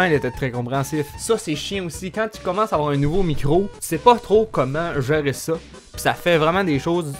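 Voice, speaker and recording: A young man with a Québécois accent hosting a casual vlog, animated, laughing often and swearing casually. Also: on the high side. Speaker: YouTuber host.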